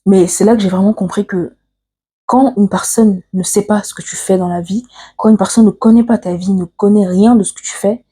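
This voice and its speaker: A woman with an African French accent telling a personal story to camera, earnest and confiding, pausing often on fillers and restarts. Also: mid-range voice, steady tone, warm tone, breathy edge. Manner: hesitant, frequent "euh" fillers and restarts. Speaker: vlogger.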